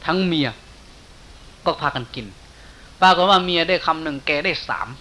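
Thai monk telling a folk tale, Isan accent. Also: male voice, fairly high pitch, normal speed. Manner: storytelling in lively folksy speech, softening for quoted lines. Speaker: monk preacher. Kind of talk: sermon storytelling. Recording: faint hiss.

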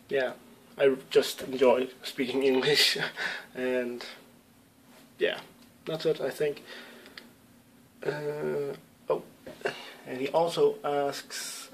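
A young Danish man, speaking English as a second language with a Danish accent, answers viewer questions in a casual webcam vlog from a small room at home. He's a YouTube gamer who hesitates a lot, full of ums and restarts. His voice is mid-range, the audio poor, with slight background noise.

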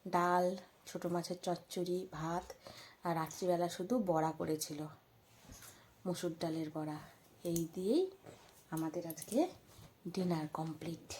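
Woman, casual home vlog, phone camera, soft hushed talk, indoors. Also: on the low side, measured pace, pauses often, a little hiss or hum. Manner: chatty, drops to a hushed near-whisper at night. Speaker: vlogger.

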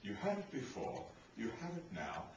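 A man's voice: fairly low pitch, huge pitch swings, moderate pace, lo-fi sound. A man playing a sardonic, teasing man who talks drily, recorded live on a theater stage. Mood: dry. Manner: dry, teasing. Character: dry sardonic middle-aged man. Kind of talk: live stage comedy acting. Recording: echoey noisy stage from a distant mic.

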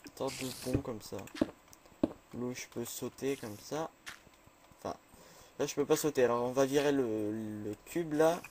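A man chatting through a game, nervous and quick to say he is scared. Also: mid-range voice, background noise. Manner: jumpy, chatty, easily scared. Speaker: gamer. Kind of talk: casual let's play commentary.

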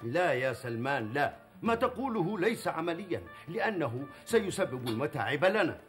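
Casting: middle-aged market butcher, assured schemer, lively higher voice, declamatory period TV drama. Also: male voice, normal speed, soft background music. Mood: explaining, persuasive. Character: assured butcher and business partner, persuasive, scheming planner. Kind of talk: theatrical historical TV acting in formal Arabic.

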